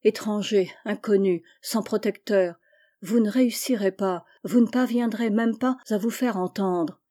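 A woman's voice: mid-range voice, a little slow, dark tone, natural voice. A woman reading the part of an army captain, stern but kindly, urging a friend to flee. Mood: grave.

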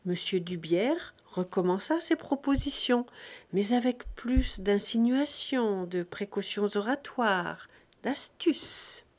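A woman narrating a classic story in a slow, deliberate audiobook reading. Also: medium pitch, expressive, a little mellow.

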